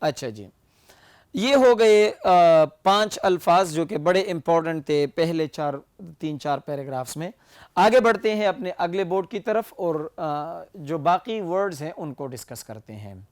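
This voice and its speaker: A man's voice: a little high, expressive, dry recording, studio quality. A male teacher with a Pakistani accent, giving a vocabulary lecture and repeating key words as he explains. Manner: explains slowly, repeating words and switching between languages.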